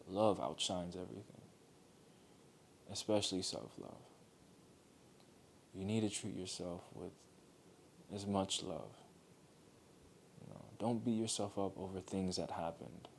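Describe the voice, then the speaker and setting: Guy with a lowish voice talking earnest and gentle, repeats stuff for emphasis, faint rumble behind. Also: creaky. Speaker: motivational speaker. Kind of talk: heartfelt motivational monologue.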